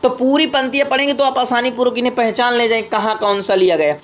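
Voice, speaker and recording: A man with a Hindi accent explaining an exam paper as a tutor, reading the questions aloud and chanting the verses in long, drawn-out tones. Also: very high voice, fairly even intonation, fairly bright tone. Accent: Hindi, from north India.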